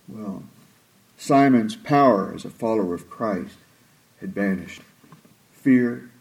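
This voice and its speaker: Male preacher, mid-pitched voice, animated sermon delivery with dramatic quotes. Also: rough recording. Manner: expressive, acts out quoted lines with rising pitch and slowed delivery.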